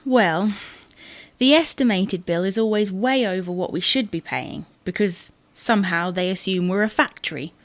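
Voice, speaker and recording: In domestic sitcom dialogue for audio, a British woman plays a wife who bickers about the household in a nagging, matter-of-fact, exasperated way, full of tag questions. Her medium-pitched voice moves at a moderate pace and sounds close to everyday speech, with no room sound.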